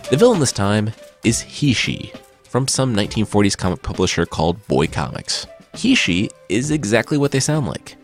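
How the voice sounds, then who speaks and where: A male podcast host reads his own script with a dry, sarcastic edge. His voice sits fairly low but moves through a lively, animated pitch range. Soft music plays faintly underneath. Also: moderate pace. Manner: wry, sarcastic storytelling. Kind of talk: scripted narration.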